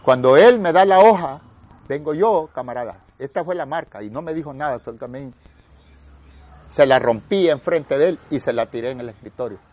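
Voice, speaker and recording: A man in his sixties with a Salvadoran accent, an army veteran telling his story lively and acting out the voices of others. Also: a little high, normal speed, no echo, lo-fi sound. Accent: Salvadoran Spanish. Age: 60s. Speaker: war veteran interviewee. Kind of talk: spoken war memoir.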